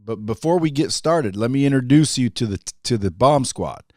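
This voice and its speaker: A man's voice: medium pitch, animated, moderate pace, a little mellow, no room sound, clean studio sound. A man hosting a casual podcast, brash and hyped, swearing casually as he talks up his guest. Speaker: podcast host.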